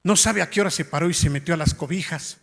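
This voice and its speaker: A male pastor preaching a sermon in a church hall, telling a story with passion and sometimes rising almost to a shout. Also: fairly high pitch, quick pace, gravelly. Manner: impassioned, rising to near shouts in retold scenes. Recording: long reverb of a large hall.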